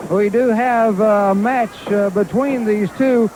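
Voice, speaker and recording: Guy hosting wrestling tv, kinda high voice, loud building behind him. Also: fairly even intonation, measured pace. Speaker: wrestling TV host and commentator. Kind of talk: live sports broadcast hosting. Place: broadcast desk in a crowded arena. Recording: noisy arena crowd behind the voice.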